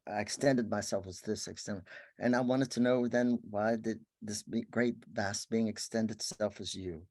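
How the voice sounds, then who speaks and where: A man giving an earnest spiritual talk, his voice often sinking to a soft, hushed murmur. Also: lowish voice, no room sound, clean studio sound. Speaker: workshop speaker.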